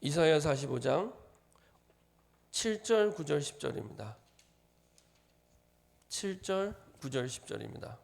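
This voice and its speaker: A man preaches an early-morning sermon in a church, his voice set slightly high and roughened by a steady gravelly fry. He reads scripture with slow, emphatic stresses. Between verses he falls into a plain, conversational way of telling his own story. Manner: tells a personal story in a conversational tone. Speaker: pastor. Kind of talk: dawn sermon with scripture reading.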